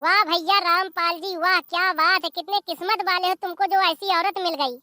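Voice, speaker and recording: A meddling male friend visiting from abroad in a cartoon comedy, voiced by a performer, teasing the couple and giving advice. The pitch is extremely high and bright. The sound is dry and close-miked. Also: steady tone, normal speed, dry recording, full character voice. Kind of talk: animated comedy voice acting.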